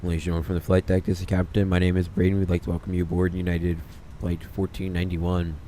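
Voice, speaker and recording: A man's voice: sits low, monotone, fast talker, warm tone, slight background noise. A man speaking as the captain in a raised, formal voice, giving a cabin announcement from the cockpit into a headset mic. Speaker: flight sim streamer playing captain.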